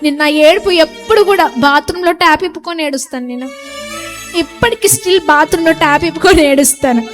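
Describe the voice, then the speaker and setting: Woman with a really high voice telling her church testimony, earnest, keeps repeating lines, music under it. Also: fairly quick. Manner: earnest, repeats phrases for emphasis. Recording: clear background music under the voice.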